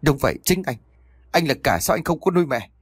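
A man's voice: mid-range voice, expressive, fairly quick, slightly rough, dry recording, pitched above the performer's own voice. A man voicing an indignant grown daughter who accuses her brother with a raised voice in an audio story. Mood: accusing.

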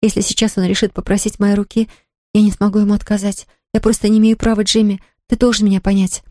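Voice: medium pitch, level tone, fast, dark tone, no echo, clean studio sound, lightly acted. A reader doing a tearful young woman in love. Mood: pleading. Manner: pleading, tearful outbursts.

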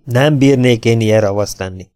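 A man's voice: medium pitch, a little mellow, smooth, dry recording, studio quality, natural voice. A man doing a cautious, defensive young man.

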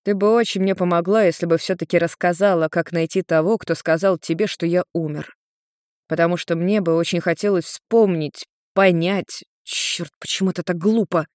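A narrator voicing a confused blond male demon who speaks softly and wryly. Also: mid-range voice, fairly even intonation, normal speed, dry recording, studio quality, natural voice. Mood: puzzled.

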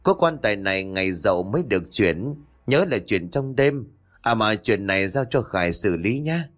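A man doing a calm young exorcist. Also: fairly low pitch, lightly acted. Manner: calm, persuasive, measured. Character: young male Buddhist exorcist, calm and gentle.

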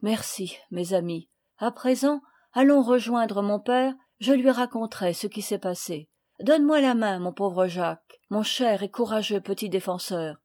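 A woman's voice: mid-range voice, measured pace, darkish tone, natural voice. A woman reading aloud, voicing a proud, strong boy who speaks firmly in a storybook. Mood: warm. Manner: firm and commanding.

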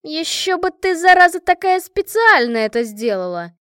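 A crude, rowdy woman colonel with a high, shouting voice and red hair, put on by a female audiobook reader. she curses her friends affectionately. the sound is dry and close, with no room around it. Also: expressive, brisk, dry recording, lightly acted. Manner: loud, rough, swearing. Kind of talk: audiobook character reading.

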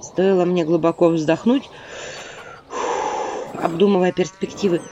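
A woman narrating a first-person audiobook in an expressive, wry storytelling manner. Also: lowish voice, a little slow. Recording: dull audio with faint noise.

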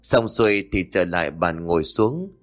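A man's voice: sits low, expressive, normal speed. A man narrating a Vietnamese-style ghost story in a dramatic storytelling manner.

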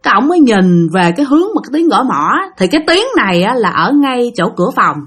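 A woman with a Southern Vietnamese accent tells a ghost story in a relaxed, chatty way. She keeps turning to her listeners as she talks. Her voice sits a little high. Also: quick pace, slightly rough. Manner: chatty, addresses listeners directly. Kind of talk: casual ghost story narration.

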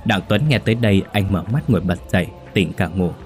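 A man telling a scripted horror story in a measured, even storytelling manner. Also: deep voice. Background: faint music.

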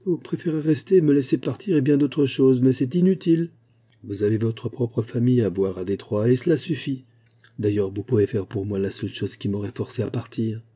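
A man's voice: mid-range voice, fairly quick, warm tone, breathy edge, natural voice. A man voicing a brusque, weary man stuck in a frozen cabin and longing for home, in a clipped way.

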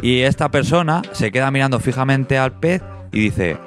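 A man co-hosting a podcast who tells a joke slowly and deadpan in casual chat. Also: medium pitch, soft background music. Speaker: podcast co-host.

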